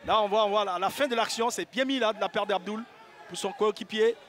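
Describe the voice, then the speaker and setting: A man's voice: sits high, a little fast, a bit bright, a faint crowd. A man co-commentating on football, analytical and conversational, often repeating words and phrases.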